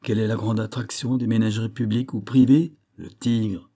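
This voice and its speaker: A man's voice: on the low side, level tone, brisk, warm tone. A man voicing a pompous, lecturing animal dealer. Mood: grandiloquent. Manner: grandiloquent, declamatory, fond of rare words. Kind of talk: audiobook character reading.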